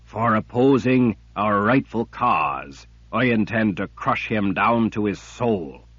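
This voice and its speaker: A man voicing a cruel, patient male emperor villain who speaks in a cold, deliberate, menacing way. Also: on the low side, lively intonation, fairly bright tone, dry recording, heavily acted. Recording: dull lo-fi recording.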